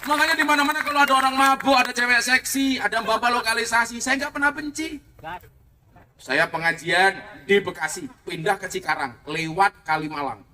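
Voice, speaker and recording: A man's voice: extremely high pitch, fairly quick, bright, forceful tone. A man preaching a comic sermon, telling stories with playful jokes and asides. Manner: joking, storytelling, playful asides. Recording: distant mic with faint noise.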